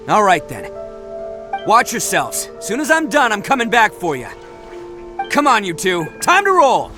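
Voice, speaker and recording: Brash, animated young oni gang boss. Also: male voice, high-pitched, measured pace, pauses often, exaggerated voice. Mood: resolute. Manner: cocky, boisterous, slangy. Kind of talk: English video game voice acting. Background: music.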